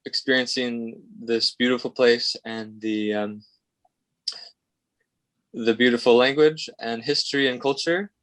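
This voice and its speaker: Young man, from Michigan, rambling casual message, monotone delivery, dry recording. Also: lowish voice, smooth, dry recording, low-quality recording. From Michigan, USA. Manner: rambling, many ums and uhs. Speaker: Welsh language student.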